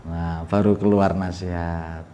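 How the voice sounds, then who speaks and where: A man's voice: low-pitched, level tone, takes it slowly, warm tone, dull audio, slight background noise. A man giving a humorous religious lesson, chatty and laughing often as he acts out little dialogues. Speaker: religious teacher. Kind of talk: sermon.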